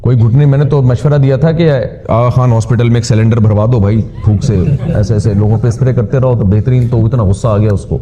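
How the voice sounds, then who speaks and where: A man's voice: mid-range voice, steady tone, quick pace, mellow. A man, an Islamic preacher, giving a conversational sermon with a wry, sometimes mocking manner. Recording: dull lo-fi recording.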